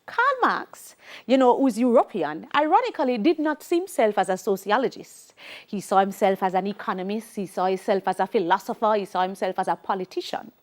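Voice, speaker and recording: A woman's voice: mid-range voice, lively intonation, a little fast. A middle-aged woman with a Jamaican accent teaching a televised sociology lesson, emphatic and repeating key points, slipping into Creole phrases.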